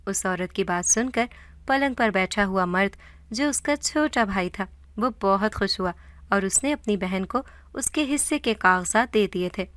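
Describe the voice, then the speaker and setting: A woman narrating a scripted horror story in a dramatic, steady way. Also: mid-range voice, dry recording.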